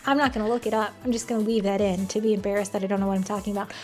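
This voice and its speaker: A woman's voice: medium pitch, steady tone, rapid-fire, a little mellow. An American woman giving casual, opinionated commentary in a blunt, wry, conversational way. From United States. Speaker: video commentator. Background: music.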